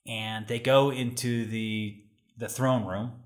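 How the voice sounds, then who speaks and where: A man's voice: medium pitch, fairly even intonation, slow. A man casually retelling an ancient myth in conversation, with loose fillers and restarts.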